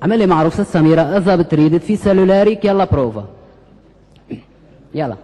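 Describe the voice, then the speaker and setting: A man's voice: sits high, animated, fast talker, warm tone. A man acting as a bossy, exasperated orchestra conductor in a comic sketch, rattling off orders. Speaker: comedian playing an orchestra conductor. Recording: echoey reverb.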